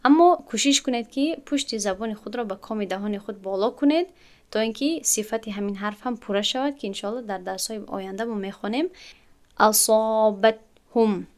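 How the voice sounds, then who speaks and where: A woman's voice: medium pitch, a little mellow. Patient woman teaching recitation. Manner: patient, explanatory, stretches out and repeats syllables to demonstrate. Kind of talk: tajweed lesson to students.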